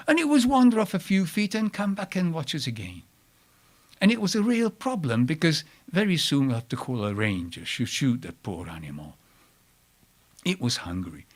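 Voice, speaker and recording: A man telling a personal story live to an audience, with wide swings in pitch and loudness and chatty asides to the listeners. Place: storytelling event before an audience.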